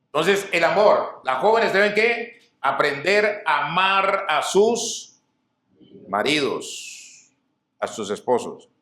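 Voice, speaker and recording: Middle-aged man, pastor, preaching; high voice, call-and-answer questions, roomy church echo. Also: very animated, slow pace, sharp tone. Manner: asks the congregation rhetorical questions and answers them; repeats and rephrases key phrases. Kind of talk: sermon. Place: church hall.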